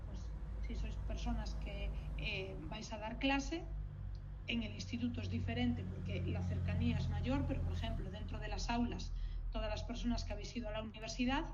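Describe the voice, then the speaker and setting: Higher-pitched woman lecturing. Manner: expressive, addresses audience directly. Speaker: university lecturer. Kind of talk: lecture to future teachers. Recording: dull lo-fi sound with faint noise.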